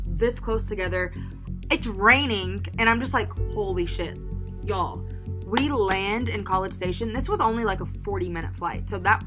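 Chatty young woman vlogger, dramatic storyteller. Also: mid-range voice. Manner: chatty, dramatic storytelling with lots of filler words. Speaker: vlog host. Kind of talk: casual storytelling vlog. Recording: music playing behind.

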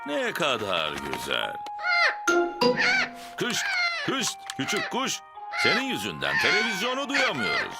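An affectionate, cheerful father pig from a children's cartoon. His intonation is hugely animated, leaping up and down, with loud music behind him. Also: medium pitch, a little slow, vocal fry, pauses often, exaggerated voice. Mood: annoyed.

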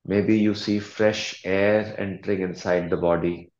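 In this guided meditation, a man coaches with calm, deliberate speech, long pauses, and soothing instructions. His low-pitched voice carries a roomy sound, and the recording is muffled.

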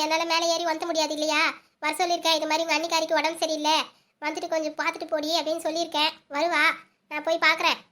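A woman's voice: very high voice, pushed and bright. A woman playing a fussy village mother-in-law in a comedy skit, scolding and fussing over her daughter-in-law.

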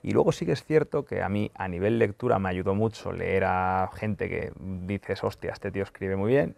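Man, vlogger answering questions; blunt and sweary, lots of fillers, fairly low voice, dry sound. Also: gravelly, a little mellow, dry recording. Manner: blunt and profane, with many fillers and restarts. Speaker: football journalist and video host. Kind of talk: casual question-and-answer vlog. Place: in Qatar during the World Cup.

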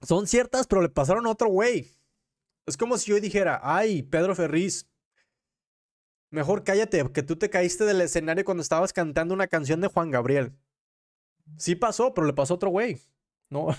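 An animated young man with a Mexican accent and a fairly high voice gives casual livestream commentary on news and gossip at a normal pace, informal and full of slang. His sentences ramble and loop back as he corrects himself, spoken close into a desk mic on a boom arm in a small home room.

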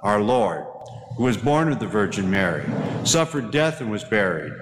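A middle-aged man, a priest, leading a church service in a measured, solemn liturgical cadence. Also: lowish voice, sing-song. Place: large church interior. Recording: echoey church hall with noise.

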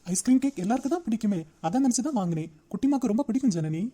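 A woman voicing a mild, gentle young man in a cartoon, speaking softly and placatingly. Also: a little high, animated, racing. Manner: soft, placating.

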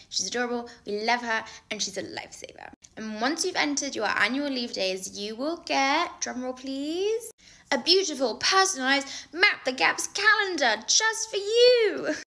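A young woman presenting a travel promotion, bubbly, playful and enthusiastic in an upbeat pitch. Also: creaky, sharp tone. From not Australia.

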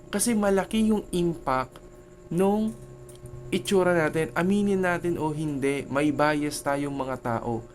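A man's voice: on the high side, slight background noise. A Filipino man with a Filipino accent, a teacher giving an online lecture in a conversational way, often checking in with "okay?" and "no?".

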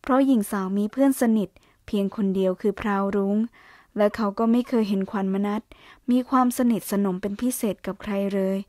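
Romance audiobook narrator, woman, steady unhurried reading, dry close recording. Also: mid-range voice, dry recording. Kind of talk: storytelling narration of a romance novel.

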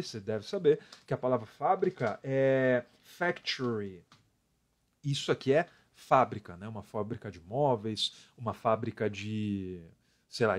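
A man with a Brazilian Portuguese accent teaching an English lesson live, talking with his viewers in a chatty way and reading their comments aloud. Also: medium pitch. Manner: chatty, often ends phrases with "né?", lively emphasis on examples.

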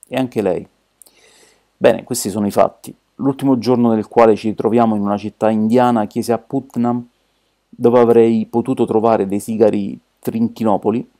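A man voicing an agitated, defensive former army colonel in an audiobook, telling his story in a low, dark voice. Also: lightly acted. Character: agitated middle-aged male ex-army colonel.

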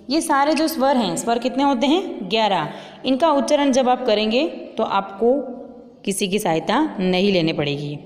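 Lady teacher going through grammar slowly, asks then answers herself, kinda echoey reverb. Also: mid-range voice. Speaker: school Hindi teacher. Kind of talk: classroom grammar lesson. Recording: long reverb.

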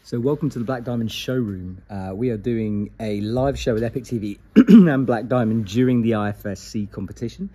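A man in his thirties, a climbing commentator, talking casually to a camera held at arm's length, chatty and upbeat by day and quieter when tired. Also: medium pitch, brisk, few pauses, slight background noise. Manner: chatty and upbeat, flat and tired late at night. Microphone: handheld camera at arm's length.

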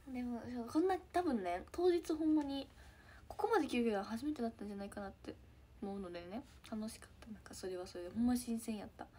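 A teenage girl with a Kansai accent chatting casually with fans on a live stream, giggly and trailing into soft murmurs. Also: fairly high pitch, lively intonation, quick pace, husky. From Hyogo, Japan. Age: teens. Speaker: idol trainee streaming to fans.

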